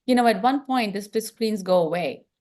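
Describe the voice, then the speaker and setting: A middle-aged film director with an Indian accent talks earnestly in a reflective interview. Her voice is medium-pitched, expressive and a little mellow, at a normal pace, and she thinks aloud with frequent restarts.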